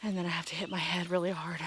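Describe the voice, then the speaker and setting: A woman's voice: on the low side, a bit bright, a little hiss or hum. Weary woman vlogging on a hiking trail. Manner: weary, stressed and sighing, often half-whispering. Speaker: vlogger on a long-distance hike. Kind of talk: casual vlog talk to camera. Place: outdoors on a mountain trail.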